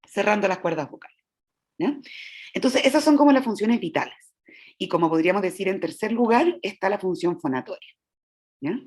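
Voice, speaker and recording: A woman's voice: mid-range voice, animated, fairly quick, pauses often, darkish tone. Woman lecturing on the voice. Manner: explanatory, checks in with "¿ya?"; demonstrates vocal sounds. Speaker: voice teacher. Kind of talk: lecture to teachers.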